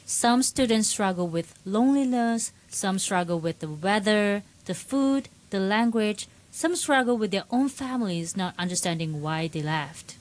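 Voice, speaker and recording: A woman's voice: mid-range voice, expressive, unhurried, hardly any pauses. A woman from Malaysia hosting a radio program, reading upbeat scripted links. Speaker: radio host.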